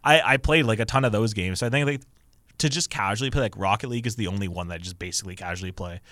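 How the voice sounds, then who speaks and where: A man's voice: fairly low pitch, fairly bright tone, no echo. A young man co-hosting a podcast, chatting casually and teasing his friends. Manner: teasing, quick to interject. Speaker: podcast co-host. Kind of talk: casual chat.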